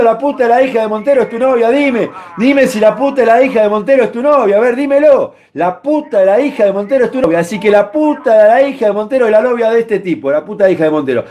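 A man hosting a heated live-stream call-in, badgering callers with repeated insults. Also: extremely high pitch. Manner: insulting, repetitive, badgering shouts. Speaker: streamer taking calls.

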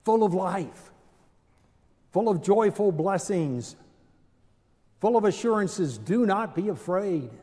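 Older guy pastor giving a sermon, slow and deliberate, mellow voice, long church echo. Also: high-pitched, animated. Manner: measured, deliberate preaching with dramatic pauses. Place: large stone church sanctuary, at a pulpit. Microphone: pulpit microphone, far camera.

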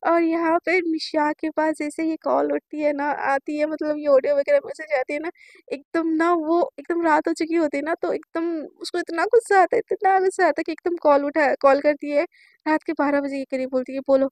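High-voiced woman storyteller, chatty and repetitive, dry close sound. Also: fairly even intonation, moderate pace, dry recording. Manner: chatty, repetitive, acting out the lines. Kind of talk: casual storytelling narration.

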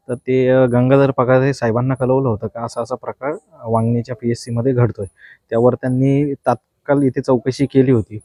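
A man gives an impassioned statement to the press at a mid pitch. He sounds indignant and keeps asking rhetorical questions. The sound is dry and close. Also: a little mellow, dry recording. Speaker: local party activist.

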